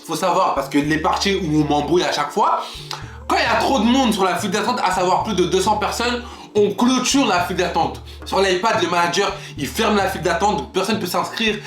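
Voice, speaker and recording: A young man talking casually to camera, animated and acting out his exchanges with customers. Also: high voice, fairly quick. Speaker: vlogger. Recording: roomy echo, faint music.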